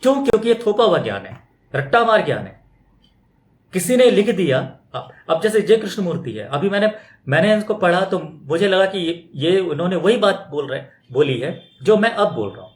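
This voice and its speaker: A man with a fairly high voice gives a loose, conversational spiritual talk. He keeps posing rhetorical questions and slips into mimicking other people's objections. The recording sounds roomy and echoey. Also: very animated, moderate pace. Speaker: spiritual teacher. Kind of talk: extempore spoken talk. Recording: roomy echo.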